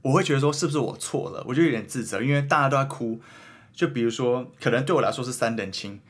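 A young man in his twenties with a Taiwanese Mandarin accent, hosting a podcast in casual chat and thinking out loud in an earnest, rambling way. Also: mid-range voice, fast talker, breathy edge. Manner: earnest, rambling, self-questioning. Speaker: podcast host.

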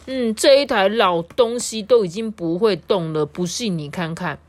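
A woman's voice: medium pitch, normal speed, natural voice. A woman voicing a boastful, carefree male inventor while reading a picture book aloud.

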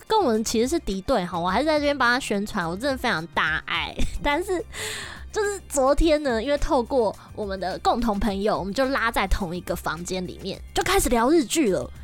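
A young woman, hosting a casual podcast and telling stories in a lively, chatty way. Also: on the high side. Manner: lively, chatty, animated storytelling. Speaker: podcast host.

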